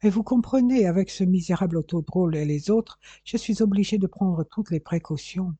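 A man plays a cool English detective in an audiobook thriller, speaking French with a light British accent. He snaps short, clipped orders in a raised, dark and husky voice. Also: sits high, moderate pace, no echo. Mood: apologetic. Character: cool English detective, male, adult, commanding.

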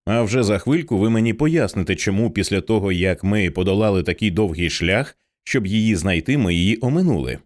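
A man's voice: fairly low pitch, lively intonation, a little fast, few pauses, lightly acted. A man reading an audiobook voices an injured man who talks in a sardonic, clipped way. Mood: pained sarcasm. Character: injured man, gruff and sarcastic.

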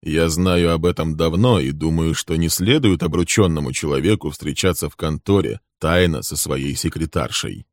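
Man as a composed, coolly threatening man, low voice, slow and level, dry sound. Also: no room sound. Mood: measured.

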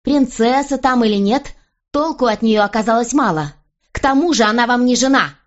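Shrill, demanding young queen in a storybook reading, a woman doing the voice; higher than the narration, dull recording. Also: animated, normal speed, lightly acted. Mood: furious. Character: indignant pregnant young queen, proud and furious.

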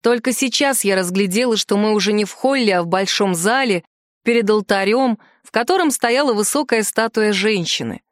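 A woman reading a first-person fantasy novel aloud in a lively, expressive way. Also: mid-range voice, normal speed, no echo, studio quality. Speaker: audiobook narrator.

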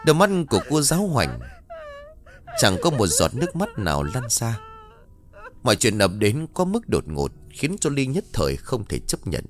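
A man narrating a ghost story in a dramatic, expressive reading. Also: mid-range voice, normal speed.

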